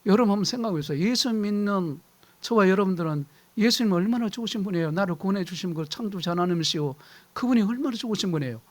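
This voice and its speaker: Middle-aged male pastor, high lively voice, preaches animatedly and acts out quarrels. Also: fast talker. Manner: animated preaching, acting out shouted household quarrels. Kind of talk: sermon.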